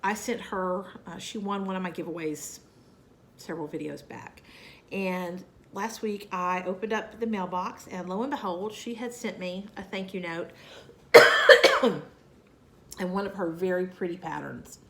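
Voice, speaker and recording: She speaks a little slowly, her low-leaning voice fairly bright but nasal and scratchy from a cold. In casual talk to camera, this Southern US woman rambles about cross-stitch projects, full of fillers and asides.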